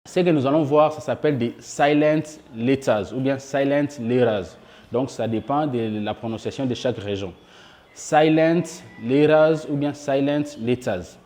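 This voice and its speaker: A man teaching English pronunciation in a spoken lesson, patiently repeating each example word slowly and addressing his viewers as dear friends. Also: medium pitch, mellow. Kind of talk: spoken lesson for French speakers.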